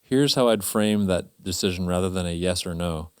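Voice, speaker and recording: A man's voice: low voice, normal speed, clear, resonant tone, dry recording, studio quality. A man co-hosting a webinar, easygoing, reading chatbot answers aloud between short agreements. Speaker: co-host. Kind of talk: casual chat, reading aloud.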